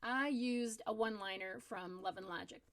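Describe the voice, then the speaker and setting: A woman's voice: mid-range voice, normal speed, fairly bright tone. A middle-aged woman giving parenting tips as the host of her own advice channel, talking casually to the camera in an earnest, explanatory way and repeating words for emphasis.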